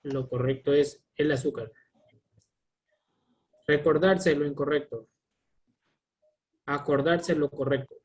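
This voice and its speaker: Slow, deliberate man reading aloud. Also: a little high, fairly even intonation. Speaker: student reading examples aloud.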